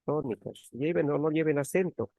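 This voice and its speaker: Male teaching assistant, gravelly voice, repeats terms and checks in with the class. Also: fairly high pitch, moderate pace, warm tone, no room sound. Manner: repeats key words, frequent tag questions. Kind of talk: online grammar tutorial. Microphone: computer mic on a video call.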